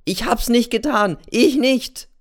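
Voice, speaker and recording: Accused schoolboy: high, shrill, frantic audiobook figure. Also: male voice, takes it slowly. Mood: desperate. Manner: shrill, pleading shouts.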